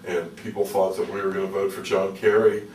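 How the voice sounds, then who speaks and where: A man being interviewed, telling stories casually in a halting, folksy way with repeated words. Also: deep voice, level tone, a little mellow. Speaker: interview guest, activist. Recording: roomy, distant mic with faint noise.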